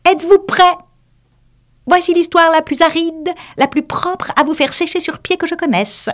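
A woman's voice: very high voice, normal speed, pitched above the performer's own voice. A woman voicing a small, self-important and touchy mouse in an audiobook reading. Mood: pompous, prickly. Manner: self-important storyteller, prickly. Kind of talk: audiobook character voice.

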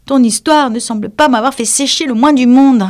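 A woman's voice: high-pitched, normal speed, a little mellow, pitched above the performer's own voice, lightly acted. A woman voicing Alice, a soaked, melancholy young girl, in an audiobook reading. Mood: glum.

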